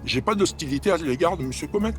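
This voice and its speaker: An older man, a former mayor, answering calmly in an interview with some hesitation. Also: on the high side, fast talker, music in the background. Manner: calm, hesitant with fillers.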